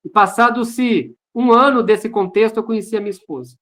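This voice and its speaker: A Brazilian pastor tells his testimony over a video call in a fairly high voice. He speaks earnestly and circles back on key words for emphasis. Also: a little fast, a bit bright. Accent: Brazilian Portuguese. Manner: earnest storyteller who repeats phrases for emphasis. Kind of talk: personal testimony in an online service.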